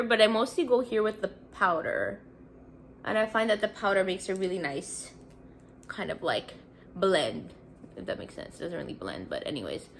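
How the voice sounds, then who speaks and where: A woman with a medium-pitched, fairly bright voice does her makeup and talks casually for a get-ready-with-me video. She's a Montreal, Canada beauty vlogger of about thirty who sounds congested, sniffles, and rambles with lots of fillers.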